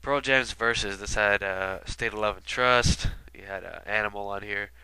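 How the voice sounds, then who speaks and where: A video commentator with a stuffy nose from being sick rambles casually through an album retrospective, full of fillers and asides. His lowish voice moves at a moderate pace and sounds pushed, bright and smooth. The recording is dry, with no room sound.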